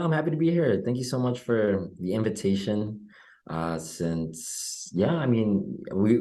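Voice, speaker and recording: Young man from oklahoma, guest, video call, friendly with fillers, lowish voice. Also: dark tone. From Oklahoma, USA. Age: young adult. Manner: friendly, filler-heavy, easygoing. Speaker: guest, politician. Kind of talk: casual video-call interview. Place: bedroom at home.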